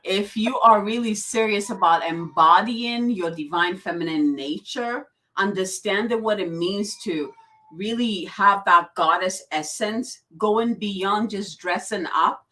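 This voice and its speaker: A woman's voice: medium pitch, unhurried, bright, forceful tone, poor audio. A woman hosting a casual interview chat, effusive and heartfelt in her praise. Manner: effusive and heartfelt, gets emotional. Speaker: host.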